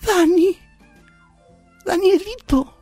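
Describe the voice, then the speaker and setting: A man doing a high, longing old mother. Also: drawn-out words, a little mellow, no echo, soft background music, full character voice. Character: elderly mother, fragile, longing for her son.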